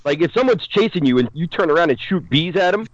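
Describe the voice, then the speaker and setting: A man in his forties, a guest film critic chatting on a podcast in an animated, opinionated way. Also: fairly high pitch, quick pace, dry recording, lo-fi sound. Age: 40s. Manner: opinionated, animated, acts out quotes in silly voices. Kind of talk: casual podcast chat.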